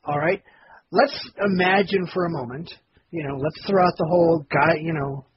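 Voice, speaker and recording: A man with a high, lively voice co-hosts a casual podcast, making wry jokes and arguing his points. The audio is muffled and lo-fi, with clear noise behind him. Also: moderate pace. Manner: wry, joking, argumentative. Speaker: podcast co-host.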